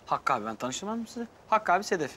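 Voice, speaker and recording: A flustered lovesick young man talking fast and rambling in his own defense. His voice sits high and bright, with a faint hum behind it. He pleads and protests in a TV comedy drama. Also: very animated, heavily acted. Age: young adult. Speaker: lead actor in a TV comedy series.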